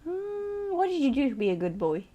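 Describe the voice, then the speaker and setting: A woman's voice: mid-range voice, big pitch swings, racing, dark tone. A woman streamer chatting casually with her viewers, playful and teasing, laughing often.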